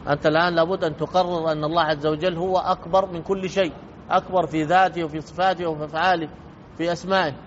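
A man's voice: fairly high pitch, steady tone, very fast. A man teaching a religious lesson on jurisprudence, explaining rulings methodically and repeating key points for emphasis. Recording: dull lo-fi with faint noise.

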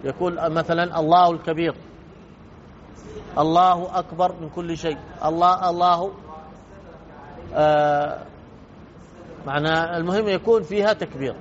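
A man's voice: fairly high pitch, steady tone, normal speed, long pauses. A man teaching a religious lesson on jurisprudence, explaining rulings methodically and repeating key points for emphasis. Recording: dull lo-fi with faint noise.

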